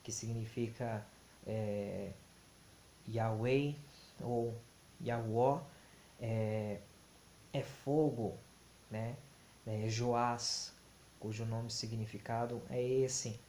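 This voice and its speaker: A man gives a slow, deliberate teaching talk, his tone dark and level with little rise or fall. He keeps pausing on fillers and restarting his phrases. The room rings with echo over a faint hiss. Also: on the low side. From Brazil. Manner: halting, many fillers and restarts; slow, deliberate, flat delivery. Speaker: Bible teacher. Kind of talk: explanatory talk on Hebrew grammar.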